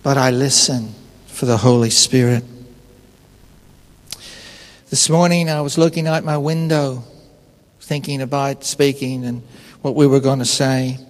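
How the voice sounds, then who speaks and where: A man preaching a sermon in an unhurried, conversational and personal way, telling stories. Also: mid-range voice, steady tone, in a large hall. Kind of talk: sermon with storytelling.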